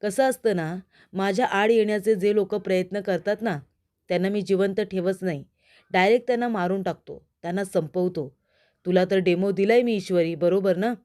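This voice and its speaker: A smug, menacing male villain from a TV serial who taunts his rivals, read aloud by a woman. His delivery is gloating and mocking. The voice stays soft and mellow. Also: mid-range voice, normal speed, natural voice.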